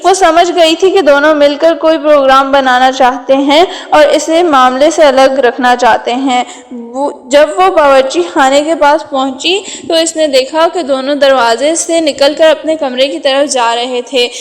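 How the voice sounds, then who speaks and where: High-voiced woman narrating a thriller. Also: hardly any pauses. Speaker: audiobook narrator. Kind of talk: scripted novel narration. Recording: long hall reverb.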